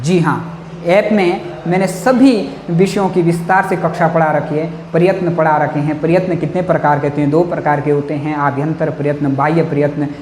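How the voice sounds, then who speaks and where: A man's voice: fairly high pitch, a little mellow. Male teacher explaining exam questions, repeating each point, recorded in an echoey room. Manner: repeats points, says "jī hā̃" often. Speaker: Sanskrit teacher. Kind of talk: exam-prep lecture. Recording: echoey room with faint noise.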